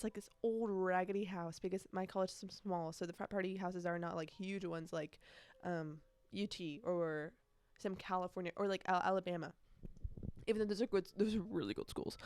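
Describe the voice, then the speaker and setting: On her solo podcast, a nineteen-year-old woman chats in a loose, rambling way, often correcting herself and stressing points through repetition and youthful slang. Her voice is medium-pitched with a darkish tone, and there's no room sound at all.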